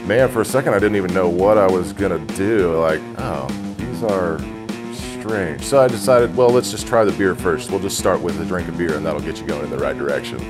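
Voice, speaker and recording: A man in his thirties talks as a chef in a casual, slightly hesitant interview. His voice is fairly low. Guitar music plays clearly behind him. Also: quick pace, hardly any pauses. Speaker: chef de cuisine, contestant. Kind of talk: on-camera interview.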